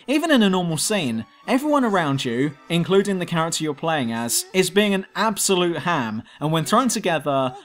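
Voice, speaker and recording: A man's voice: on the high side, a bit bright. A man narrating a scripted video game review as host, blunt and sardonic.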